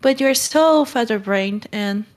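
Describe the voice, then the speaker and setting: Reading a storybook aloud in an acted read-along, a woman gives voice to a brusque, scolding middle-aged guardian who is stern yet kind. Her voice is on the high side, and she takes a slow pace.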